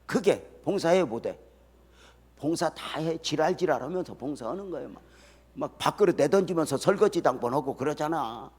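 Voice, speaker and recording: An older man, a retired pastor, preaching an early-morning sermon in a folksy storytelling way that swings from soft to loud. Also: fairly high pitch, husky, big-room sound. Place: church sanctuary.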